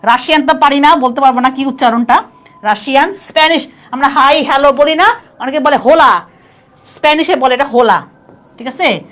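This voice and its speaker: A woman's voice: sits high, brisk, a bit bright. A woman teaching a live online class, chatty and constantly quizzing her students. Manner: chatty, keeps asking students questions.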